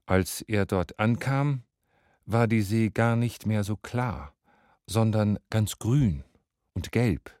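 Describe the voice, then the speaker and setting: A man reading a fairy tale aloud in a slow, expressive storytelling manner. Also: lowish voice, dry recording, clean studio sound.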